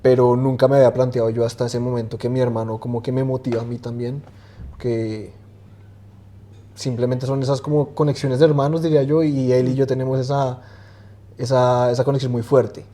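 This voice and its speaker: A man in his twenties, a guest talking casually in an interview and often pausing with fillers and restarts. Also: medium pitch. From Colombia. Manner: relaxed, hesitant, many fillers and restarts. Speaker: guest swimmer.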